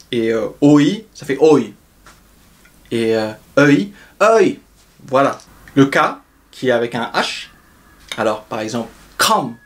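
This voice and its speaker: A young man teaching a pronunciation lesson, patiently explaining each sound and repeating it several times. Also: mid-range voice. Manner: explains slowly, repeating sounds and drawing them out. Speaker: language teacher.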